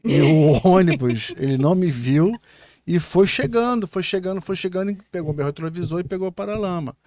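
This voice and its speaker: A man's voice: sits high, lively intonation, a little fast, a little mellow, dry recording, clean studio sound. A Brazilian man hosting a podcast, talking in a reflective, hesitant way as he thinks aloud. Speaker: podcast host. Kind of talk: casual podcast conversation.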